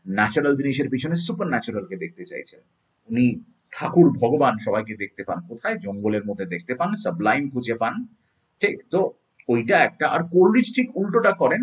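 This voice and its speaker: Animated husky Bengali lecturer. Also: male voice. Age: 30s. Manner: animated, swings pitch for emphasis, asks the class rhetorical tag questions. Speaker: college English literature lecturer. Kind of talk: spoken exam-prep literature lecture.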